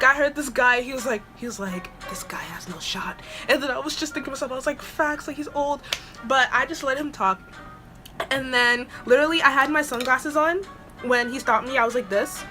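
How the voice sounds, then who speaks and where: A woman's voice: fairly high pitch, sharp tone. A woman vlogger telling a storytime at home, chatty and rambling with lots of "like"s and restarts. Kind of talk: storytime vlog. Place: at home with an air purifier running.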